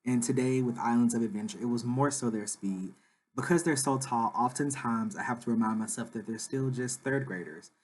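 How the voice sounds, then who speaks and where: A man's voice: medium pitch, a little fast. A man in his thirties, a father, chatty and upbeat as he narrates a family vlog voice-over, often saying "like". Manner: enthusiastic, chatty, says "like" a lot.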